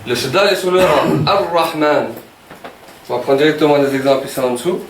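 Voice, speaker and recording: A man's voice: a little high, fairly quick, slight background noise. A man teaching a beginners' Arabic class, often repeating words and checking with "ok?". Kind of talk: classroom lesson. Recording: echoey room, voice from a distance.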